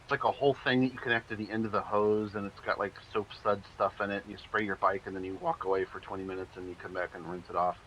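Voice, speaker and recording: A man's voice: on the low side, flat delivery, quick pace, hardly any pauses, a bit bright, slight background noise. A man chatting casually on a gaming stream in a rambling, laid-back way, with lots of "like". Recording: dull lo-fi stream audio.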